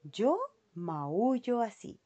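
Woman doing a sly male cat, slow and hushed, sweet-talking in a storybook. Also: mid-range voice, expressive.

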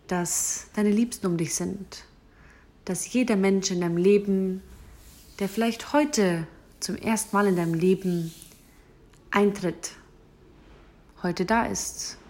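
A woman delivers a gentle morning affirmation in a soft, unhurried voice. Her tone is warmly encouraging, and now and then it sinks into a breathy whisper. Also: medium pitch.

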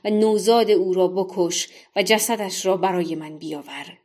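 A woman's voice: lowish voice, natural voice. A woman voicing a cruel, angry king who barks harsh orders in a told folktale. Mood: commanding. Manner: shouting, commanding, harsh.

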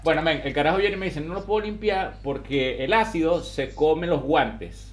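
Rich: A young man in a casual podcast conversation, his voice slightly high. He tells his anecdotes in relaxed street slang. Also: normal speed. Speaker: podcast co-host.

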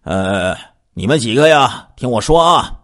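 A man voicing a middle-aged male village militia captain who speaks slowly and emphatically in an officious way. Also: mid-range voice, expressive, a bit bright, voice pushed up. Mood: earnest, officious.

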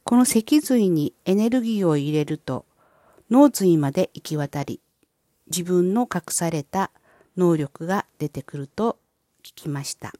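A woman with a soft-edged, mellow and slightly low voice presents a scripted wellness guide. She speaks in formal, polite sentences with measured phrasing, leading listeners through visualization steps. The sound is dry and close, with very little room. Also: expressive, no echo. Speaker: host of a wellness and spirituality channel.

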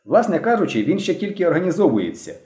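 A brisk, commanding young pioneer girl leader, as a male narrator raises his voice to play her. Her lines lift high and swing a lot, with a mellow tone in a roomy audiobook recording. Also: sing-song. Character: stern, cheerful young female pioneer leader. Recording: roomy echo.

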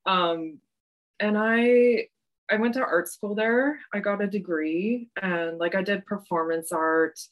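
A woman's voice: mid-range voice, slow pace. Woman guest from western Canada, forties, casual and meandering, peppers talk with likes and ums. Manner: rambling, many ums and likes, laughs often. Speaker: podcast guest, dominatrix. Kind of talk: casual interview chat.

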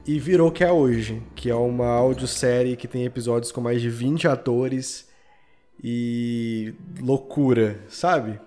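A Brazilian-accented audio drama creator, appearing as a podcast guest, explains things in an informal, rambling way during casual interview chat. His medium-pitched voice has a dark tone and measured pace, with soft background music.

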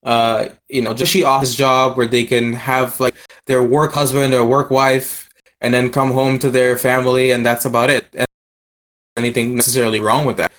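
A man with an Aruban accent speaks at a medium pitch in a casual discussion. He reasons aloud in a reflective way, doubling up words as he begins his thoughts. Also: flat delivery, normal speed, a bit bright.

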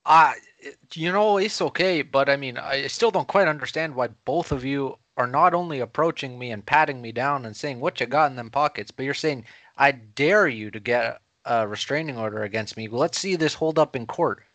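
A man's voice: mid-range voice, normal speed, fairly bright tone, no room sound, lightly acted. A man playing a mild-mannered, bewildered neighbor as a talk show guest, hesitant, stammering and folksy in an improvised comedy interview. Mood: uneasy.

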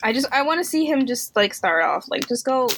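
A young woman co-hosting a podcast in casual chat, animated, acting out reactions in loud quotes and laughing often. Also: high-pitched, a little fast, background noise. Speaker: podcast co-host.

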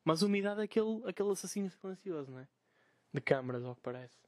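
Young portuguese guy ranting on his podcast, high voice, talks super fast, cursing a lot, dry close sound. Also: no echo. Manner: swearing, animated, mocking quoted voices. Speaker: podcast host. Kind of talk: casual solo podcast rant. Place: bedroom.

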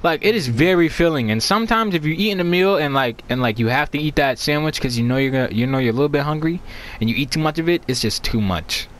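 A young adult man co-hosts a podcast, trading casual, slangy banter and repeating himself for emphasis. His voice is a little high, expressive and quick-paced.

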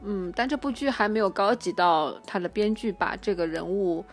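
A woman in a relaxed, opinionated podcast chat, talking at a middling pitch with easy confidence. She chuckles as she stands by her opinions, and faint music sits under the talk. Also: normal speed. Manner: relaxed, opinionated, laughs while defending her view. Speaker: podcast co-host. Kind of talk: casual chat about a TV drama.

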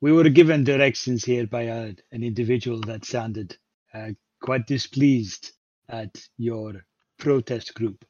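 A man's voice: medium pitch, measured pace, darkish tone, no echo, highs cut off. A man playing a tabletop game, speaking politely and asking questions. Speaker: player.

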